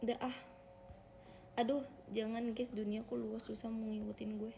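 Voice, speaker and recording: A woman's voice: fairly high pitch, level tone, moderate pace, creaky, warm tone, slight background noise. A young woman hosting a casual livestream, chatting with her viewers and calling them guys. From Indonesia. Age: young adult. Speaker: idol livestreamer.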